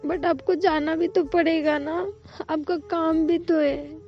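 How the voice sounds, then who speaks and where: A woman voicing a tearful, clingy young woman in love, who talks in a soft, weepy, pleading way. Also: extremely high pitch, fairly even intonation, slow pace, muffled recording, voice pushed up.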